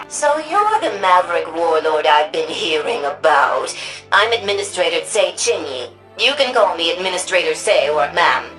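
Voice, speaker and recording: An older woman played by an actress runs a futuristic city as its administrator in a sci-fi video game. Her voice sits fairly low, and she speaks with crisp authority and dry wit, like an official giving mission orders. Music plays behind her words. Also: a bit bright, close to an everyday voice, low-quality recording. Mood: dry, confident. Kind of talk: scripted mission briefing dialogue.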